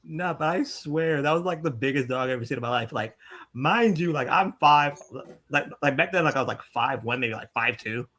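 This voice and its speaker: A man in casual chat, telling a story excitably with many fillers. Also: fairly high pitch, brisk. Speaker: podcast co-host.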